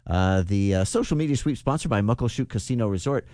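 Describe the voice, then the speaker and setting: A man's voice: on the low side, lively intonation, quick pace, darkish tone, no room sound, clean studio sound. A man co-hosting on radio, presenting a conversational news segment. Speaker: radio co-host presenting social media segment.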